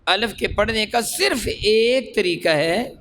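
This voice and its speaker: A man teaching Quran reading in a lesson, stretching sounds out slowly as he demonstrates them and quizzing his listeners. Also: high voice, expressive, fairly bright tone, a little hiss or hum, rough recording.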